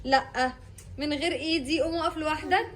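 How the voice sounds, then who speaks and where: A woman's voice: high voice, steady tone, a little fast, slight background noise. A young Egyptian mother at home, coaxing her baby in a sing-song, laughing way while she films. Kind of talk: home video chat with her children. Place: at home near the kitchen.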